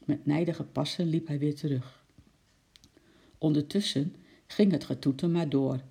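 A storyteller reading a children's story aloud in a calm narrating voice. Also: medium pitch, creaky, husky.

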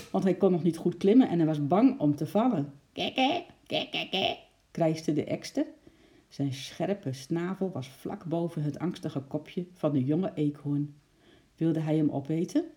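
A woman narrates a children's story with a lively, expressive delivery. Her tone is very dark and mellow, never bright or sharp. She keeps stopping to pose suspenseful questions to the listener. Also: low voice. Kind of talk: reading a children's story aloud.

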